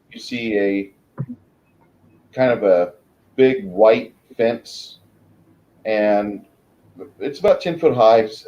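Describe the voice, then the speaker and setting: A man runs a tabletop role-playing game, describing scenes off the cuff. His voice sits a little low and he often pauses mid-sentence to find words. The sound is dull and muffled. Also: warm tone. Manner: halting, pausing mid-sentence to search for words. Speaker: game master. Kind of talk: improvised tabletop game narration.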